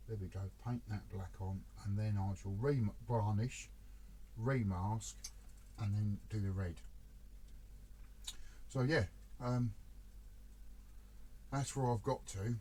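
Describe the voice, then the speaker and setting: Low-voiced man chatting at his workbench. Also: warm tone, a little hiss or hum, rough recording. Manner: chatty, self-deprecating, muttering while working. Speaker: scale model builder. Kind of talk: casual build commentary.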